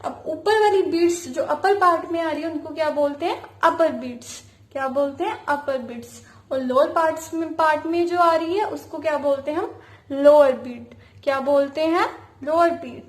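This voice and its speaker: A woman with a high voice gives a beginner abacus lesson in a room with a noticeable echo. She keeps asking questions and answering them herself, spelling out key words letter by letter. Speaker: abacus teacher. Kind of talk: teaching with call-and-response questions.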